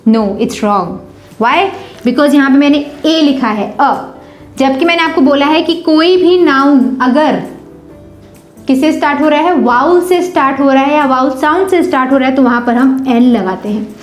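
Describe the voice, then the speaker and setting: A woman stands at a board teaching beginners English grammar, patiently posing questions to the class and answering them herself. She says example sentences slowly, one word at a time. Her voice is high, the room is reverberant, and soft music plays in the background.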